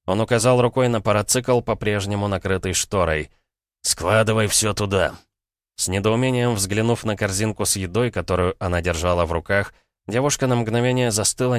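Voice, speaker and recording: A man reading a fantasy novel aloud in a measured, dramatic narration. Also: lowish voice, no echo, studio quality. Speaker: audiobook reader. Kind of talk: scripted narration.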